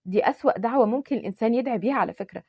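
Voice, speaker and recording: A woman voicing a stubborn, sharp-tongued young woman with an Egyptian accent in a told story. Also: fairly high pitch, racing, slightly rough, no room sound, studio quality. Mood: earnest. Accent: Egyptian Arabic. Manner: sharp, indignant.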